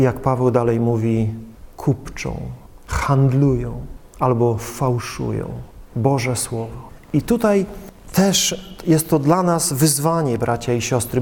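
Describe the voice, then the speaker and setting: A man preaching a sermon with passion and emphasis, using dramatic pauses and addressing his listeners directly. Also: medium pitch, darkish tone. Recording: long reverb of a large hall.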